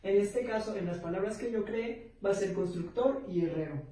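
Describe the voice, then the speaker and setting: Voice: medium pitch, moderate pace, warm tone. A course instructor giving an online video lesson step by step, with many filler words and words restarted mid-sentence. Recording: roomy echo, voice distant from the mic.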